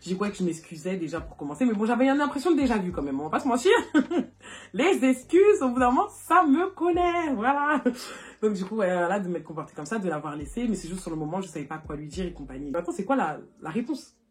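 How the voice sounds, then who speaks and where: Fast-talking chatty young woman. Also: mid-range voice. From France. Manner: animated, chatty, lots of fillers and laughs. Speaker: vlogger. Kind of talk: casual storytime. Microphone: phone.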